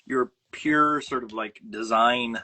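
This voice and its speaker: Bright-voiced Minnesotan man hosting a livestream. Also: mid-range voice, slow pace. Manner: rambling, many fillers and restarts. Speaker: host. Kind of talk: casual livestream chat. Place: home studio room. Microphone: phone on a mount.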